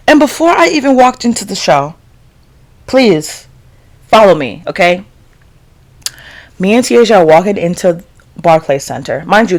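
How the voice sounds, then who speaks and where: A young podcast host, telling stories in a casual, excitable way, swearing freely and filling with "like". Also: medium pitch. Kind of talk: casual solo storytelling.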